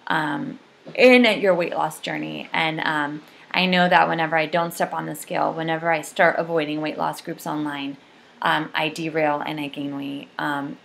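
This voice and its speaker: A woman's voice: low voice, vocal fry, a bit bright. A young adult woman giving a casual, rambling video update, full of ums and likes. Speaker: vlogger.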